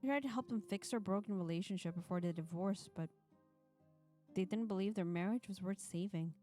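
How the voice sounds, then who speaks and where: On a live stream with music playing behind her, a woman reads a visual novel aloud and banters with her co-streamers. Her voice is medium-pitched, brisk and dark-toned, and she sounds a little tired.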